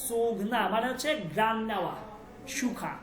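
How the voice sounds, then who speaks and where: A woman teaching a language class, patiently repeating words slowly for her students. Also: a little high, animated. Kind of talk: online class lesson. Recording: echoey room with background noise.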